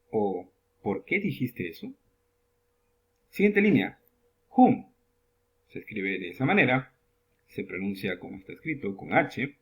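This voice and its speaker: A man teaching English in a lesson, slowly spelling out example questions and then translating them, announcing each new word with a sing-song lift. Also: mid-range voice. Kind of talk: classroom lesson narration.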